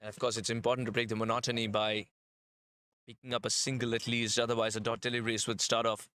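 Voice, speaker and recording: Bright-voiced analytical cricket commentator, man. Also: mid-range voice, level tone, quick pace, clean tone. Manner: analytical, explains tactics at length.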